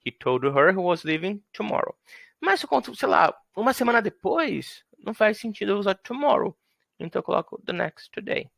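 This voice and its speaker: A man's voice: sits high, big pitch swings, moderate pace, creaky, a bit bright, dry recording. A man teaching English grammar in a playful way, acting out little scenes to show his examples. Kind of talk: explaining grammar to students.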